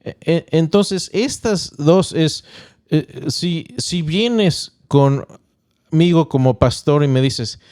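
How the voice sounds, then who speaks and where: Male pastor-host, mellow and resonant, measured teaching delivery with small restarts. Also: a little high, no echo, clean studio sound. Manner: explains point by point, checks in with listeners. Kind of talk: teaching podcast talk.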